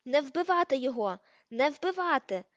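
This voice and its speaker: A sharp, arrogant teenage boy, as a woman acts him out, snapping irritated orders in a storybook. The voice is high and close. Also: a little fast, dry recording, lo-fi sound. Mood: commanding.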